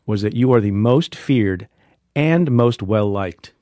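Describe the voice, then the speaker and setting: A man's voice: lowish voice, animated, slow, dark tone, no echo. A man hosting an interview podcast in a studio, asking questions in a wry, playful way. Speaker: podcast host. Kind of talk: conversational interview. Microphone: studio microphone.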